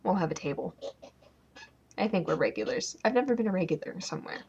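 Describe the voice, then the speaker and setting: A woman's voice: fairly low pitch, expressive, fast, a little mellow, husky, lo-fi sound. Young adult woman, home vlogger; sarcastic, rambling, ranty casual delivery. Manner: ranting, sarcastic, rambling with many ums. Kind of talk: casual vlog chat.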